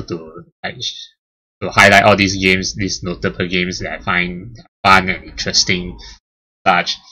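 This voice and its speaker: A low, bright, forceful male voice on a rough recording, casually rambling about his channel's history as its host, full of fillers and restarts. He's a native speaker of both English and Chinese, and this is a relaxed milestone chat.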